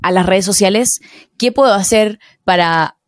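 A Chilean woman in her thirties, a singer-songwriter guest on a podcast, talking in a relaxed, chatty way with plenty of fillers. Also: medium pitch, measured pace, no room sound, clean studio sound. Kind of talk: casual podcast interview.

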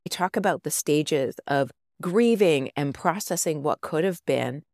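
A woman's voice: deep voice, a little mellow, no echo, studio quality. A woman in her fifties or older hosting a podcast, talking in an upbeat, encouraging and informal way. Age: 50s or older. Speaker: podcast host and life coach. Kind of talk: podcast monologue.

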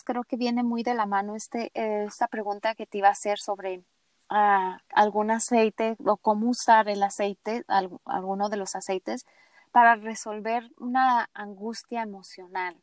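A woman's voice: a little high, steady tone, normal speed, no room sound. A woman interviewer who affirms her guest and asks long, rambling questions. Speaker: interviewer host.

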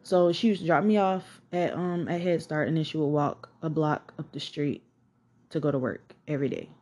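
Her voice sits low and sounds warm. She's a Southern-accented podcast host from Atlanta, Georgia, in her twenties, casually sharing her life story in a candid, chatty manner full of swearing and "like."

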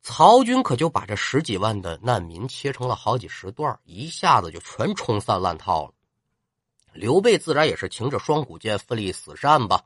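A man telling a traditional pingshu story, lively and chatty, with asides to the listener. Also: lowish voice, normal speed, breathy edge, no room sound, studio quality.

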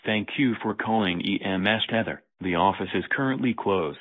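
Man, deep voice, formal recorded greeting, over a landline phone, tinny line. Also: normal speed, noisy background.

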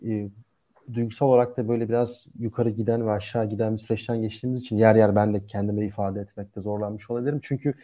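Very mellow, fast-talking man in discussion. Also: on the low side. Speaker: discussion guest. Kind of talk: casual political discussion.

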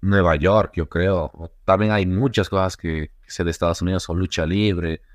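Young man from bolivia, podcast guest, lowish voice, dry close mic, lively storyteller who acts out quotes. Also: moderate pace, dry recording. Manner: animated storyteller, acts out quotes, laughs often. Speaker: guest, travel YouTuber. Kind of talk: casual podcast interview.

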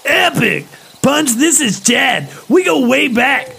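A man doing an excitable young buddy in a game, with a very high, bright voice that bounces around and carries some gravel. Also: slow, a little hiss or hum, exaggerated voice. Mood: upbeat. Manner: excitable, laid-back slang. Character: upbeat young male buddy.

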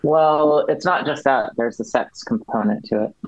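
A man speaking as a podcast guest, explaining a policy issue in a measured, detailed way with frequent restarts. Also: medium pitch, no room sound. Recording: dull, dry lo-fi sound.

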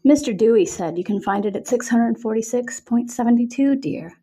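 A woman's voice: a little high, lively intonation, normal speed, warm tone, slightly rough, pitched above the performer's own voice. A woman voicing a polite, knowing woman librarian who calls people dear.

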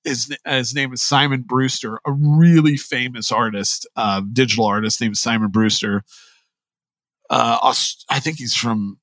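A man's voice: mid-range voice, bright, forceful tone, dry recording. A middle-aged man talking as a guest in a podcast interview, candid and self-deprecating, rambling with many restarts and jokes. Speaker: line producer, guest.

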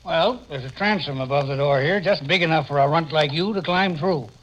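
An actor playing a gruff, impatient city beat cop with clipped, wry talk in old-time radio drama style. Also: male voice, fairly high pitch, fairly quick, dull audio, natural voice. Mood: wry, bossy. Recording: noisy old radio recording, clicks.

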